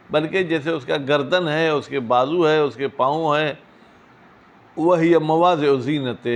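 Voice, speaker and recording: A man teaching a seminary class, reading Arabic phrases slowly, then explaining them in quick, questioning asides to his students. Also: a little high. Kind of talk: classroom lecture on a legal text.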